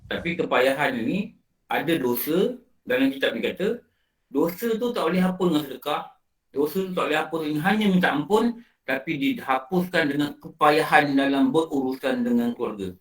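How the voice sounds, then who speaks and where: A man's voice: fairly high pitch, normal speed. A man with a Malaysian Malay accent giving an online religious lecture, telling stories and acting out scenes as he teaches. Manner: animated storytelling, acting out film scenes. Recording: roomy and distant from the mic.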